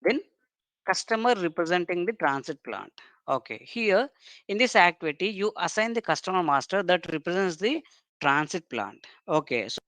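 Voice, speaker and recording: In a clean, smooth, mid-range voice, a software trainer guides listeners through technical material step by step. The sound is dry with no echo, the tone sing-song at a normal speed, and points are often capped with short checking tags.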